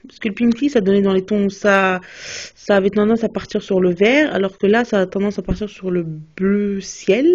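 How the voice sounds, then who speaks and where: Recorded as a dull, lo-fi phone video, this casual haul chat features a young woman, a beauty vlogger, going over her latest beauty buys. She speaks at a moderate pace in a medium-pitched, darkish voice, hesitating often with fillers and restarts.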